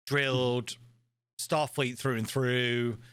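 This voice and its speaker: A man's voice: medium pitch, flat delivery, slow, a bit bright, clear, resonant tone, dry recording. An older man narrating as game master of a tabletop game, rambling with fillers.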